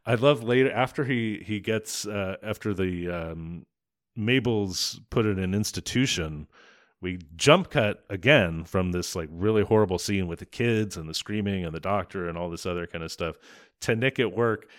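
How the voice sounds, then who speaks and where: A man co-hosting a podcast in a casual film discussion, animated, cursing and acting out scenes as he recaps. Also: deep voice, moderate pace. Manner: animated, swearing, acts out scenes. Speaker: podcast co-host.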